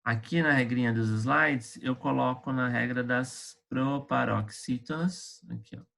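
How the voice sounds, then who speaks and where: Male teacher on a video call, mid-pitch, conversational and hesitant, keeps checking in with students. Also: unhurried, vocal fry, sharp tone. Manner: hesitant, with frequent fillers and restarts. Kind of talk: online lesson going over exercises.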